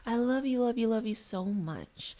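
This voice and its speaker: Speaking at a normal pace with a fairly high, warm voice and lively intonation, this woman from the Washington DC DMV area hosts a casual livestream. A spiritual healing practitioner, she explains and reflects fondly, addressing viewers as "y'all" and "babies."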